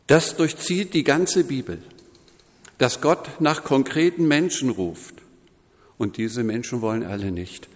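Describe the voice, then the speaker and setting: A man preaching a sermon in a measured, deliberate way, quoting scripture voices as he goes. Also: medium pitch, big-room sound. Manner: slow, measured preaching with quoted voices woven in.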